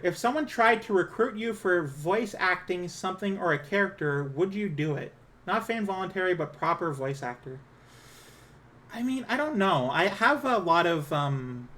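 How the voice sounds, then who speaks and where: A woman with a low-set feminine voice chatting casually on a livestream, hesitant, apologetic and self-conscious in her manner. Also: fairly bright tone. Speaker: live streamer.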